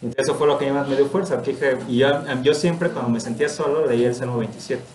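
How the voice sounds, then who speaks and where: A man's voice: mid-range voice, steady tone, quick pace, a little mellow. A man with a Mexican accent teaching a spiritual study class, speaking earnestly and personally and laughing often. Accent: Mexican Spanish. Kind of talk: informal spiritual talk. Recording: roomy echo.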